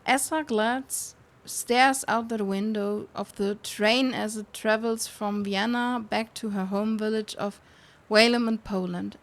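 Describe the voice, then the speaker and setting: Playing a video game live, a higher-voiced female streamer reads the on-screen text at a slow pace. Giggles keep interrupting her, and she often bursts out laughing mid-line.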